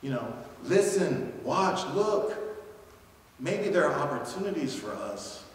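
Man, pastor, casual sermon, high voice, echoey church hall, heard from a distance. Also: sing-song, slow pace. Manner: conversational, acts out little dialogues, chuckles at own jokes. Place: church sanctuary.

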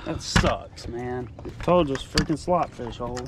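Excitable man fishing from a boat. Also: mid-range voice, a little slow, background noise. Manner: frustrated, swearing, excitable. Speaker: tournament angler. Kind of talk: casual banter while fishing. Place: outdoors on a boat on a lake.

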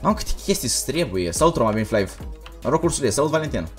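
A young man livestreaming a game, talking fast and energetically while reading out chat messages. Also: mid-range voice, sing-song, breathy edge, faint music behind. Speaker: gaming livestreamer. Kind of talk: casual livestream commentary.

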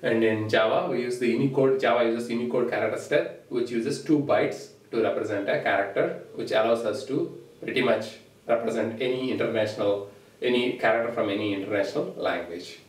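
A man who teaches programming and grew up speaking Telugu lectures briskly in a mid-range voice at a whiteboard in a small indoor room. He is steady and explanatory, pointing to the board as he goes. His voice sounds distant and echoey, picked up by a camera mic far away.

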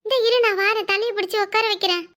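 A woman voicing a fussing, caring older village mother-in-law in a cartoon, speaking with a southern Tamil Nadu accent and giving orders fast. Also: very high-pitched, fairly even intonation, pushed and bright. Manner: bossy, fast, scolding yet tender. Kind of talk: cartoon voice acting.

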